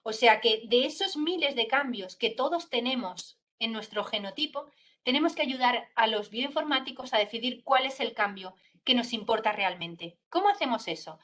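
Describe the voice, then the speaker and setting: Woman doctor, a bit high voice, step-by-step talk to students. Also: animated, moderate pace, a bit bright. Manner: explains step by step, checking in with "¿vale?". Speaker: pediatric neurologist giving a talk to students. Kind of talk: explanatory school talk.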